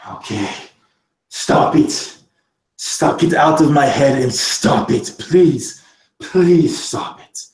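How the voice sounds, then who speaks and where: A man's voice: mid-range voice, reverberant, far from the mic, low-quality recording. A man narrating as game master of a tabletop game, with vivid, theatrical description.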